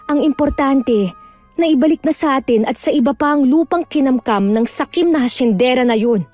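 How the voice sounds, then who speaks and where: An actress playing a calm grown daughter who speaks gently and reassuringly to her mother. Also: sits high, moderate pace, no echo, faint music behind.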